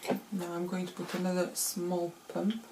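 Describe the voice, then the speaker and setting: A woman's voice: fairly low pitch, level tone, moderate pace, dark tone. Woman vlogger with a rusty morning voice. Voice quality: slightly rusty, unused morning voice. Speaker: beauty vlogger. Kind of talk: casual chatty makeup tutorial.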